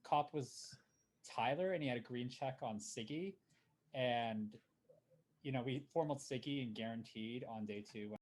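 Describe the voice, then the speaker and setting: A man's voice: medium pitch, measured pace. A man in casual voice chat, recounting an old game with lots of fillers. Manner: rambling recollection with fillers. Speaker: player in an online party game.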